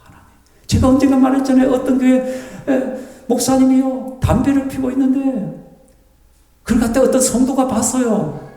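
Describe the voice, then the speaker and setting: A man preaching as a pastor, lively and animated, acting out tearful prayers and grumbling complaints to make his point. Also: very high-pitched, normal speed. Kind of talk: sermon. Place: church sanctuary. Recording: echoey church hall, voice from far off the mic.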